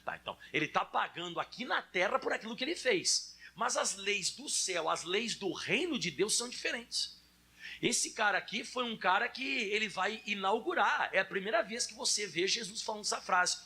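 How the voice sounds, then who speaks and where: A male preacher with a Brazilian Portuguese accent, his voice high and bright with a husky edge. He talks to the congregation in a chatty, direct sermon style, calling on them to answer back. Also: expressive, moderate pace.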